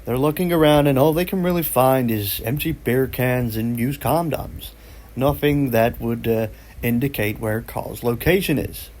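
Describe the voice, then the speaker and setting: A man's voice: mid-range voice, normal speed, a little mellow. A man casually retelling a strange story in a rambling, conversational way, with fillers and restarts.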